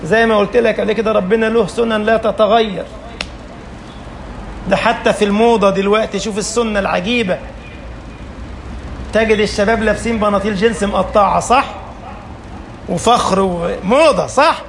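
A man's voice: high-pitched, fairly even intonation, brisk, creaky, pauses often, a little hiss or hum. A man with an Egyptian Arabic accent gives a colloquial sermon, emphatic and full of rhetorical questions. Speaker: preacher.

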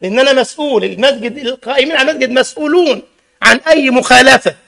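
A man with an Egyptian Arabic accent preaching a sermon in a mosque as imam, lively, full of rhetorical questions and teasing asides to the congregation. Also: very high voice, racing, gravelly.

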